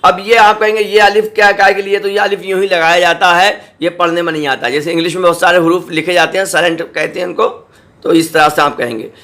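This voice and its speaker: A man teaching Quran reading, spelling out syllables slowly and patiently and often checking that students follow. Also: high voice, fairly even intonation, bright, forceful tone. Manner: checks in with "samjhe?" and "theek hai". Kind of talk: spelling-out recitation lesson.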